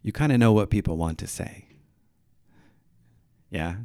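A man who speaks English as his native language, hosting a podcast interview, relaxed and encouraging, rephrasing what the guest says. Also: on the low side, unhurried, clean tone, dry recording, studio quality. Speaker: podcast host. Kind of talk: casual interview.

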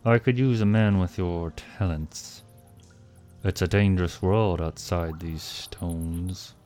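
A man voicing a great, sly tomcat in an audiobook, speaking slowly and smoothly with a deep voice. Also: steady tone, a little mellow. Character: sly scheming talking tomcat, male, great size. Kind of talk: storybook character voice. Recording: faint music behind the voice.

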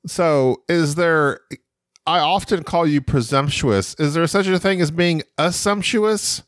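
A man co-hosting a podcast in casual banter, teasing and quick to argue his point. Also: a little high, no room sound, studio quality. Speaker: podcast co-host.

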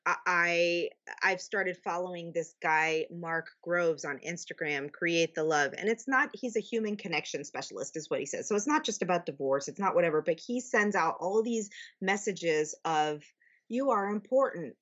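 Woman, podcast guest, chatty, laughs often, fillers, lowish voice, dull lo-fi audio. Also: moderate pace, fairly bright tone. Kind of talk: casual interview chat.

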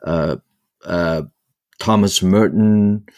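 Speaking as an interview guest, a man in his sixties from Hong Kong, who is a priest and author, tells his life story. His voice sits low and a little mellow, with no room sound. Long hesitations and repeated fillers break up his halting speech as he hunts for words.

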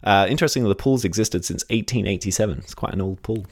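A man's voice: fairly low pitch, quick pace. An Australian man hosting a podcast, telling a history story in casual chat, laughing often and correcting himself as he goes.

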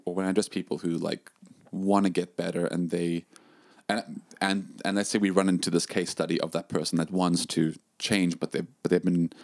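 A man's voice: sits low, gravelly, no echo. A young man, a drum teacher, talking casually in a chat, with many fillers and restarts. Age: young adult.

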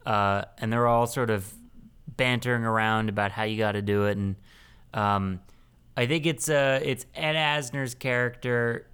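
A tired man hosting a podcast, retelling a film in halting casual chat full of fillers. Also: mid-range voice, a bit bright, clear, resonant tone. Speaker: podcast host recapping a film.

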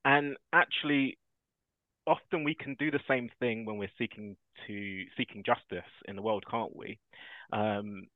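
Man, podcast guest, earnest reflective storyteller, deeper voice, thin phone-like audio. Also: steady tone, a little slow, dry recording. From South London. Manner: earnest, thoughtful, laughs while telling stories. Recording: dry, tinny phone-like line.

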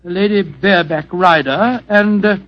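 An actor playing a genial, earnest British doctor, a detective's loyal older companion, in 1940s radio drama style. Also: male voice, high voice, moderate pace, lightly acted. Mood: genial, chatty. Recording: dull lo-fi vintage radio recording.

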